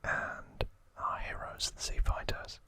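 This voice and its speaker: In a breathy, unvoiced whisper, a man hosts an ASMR recap, explaining in a laid-back, stop-start manner.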